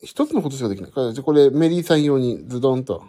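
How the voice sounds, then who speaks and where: A man's voice: mid-range voice, animated, very fast, warm tone. A man hosting a casual solo podcast, rambling and correcting himself as he thinks aloud while fiddling with his phone. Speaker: podcast host. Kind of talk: casual solo chat to listeners.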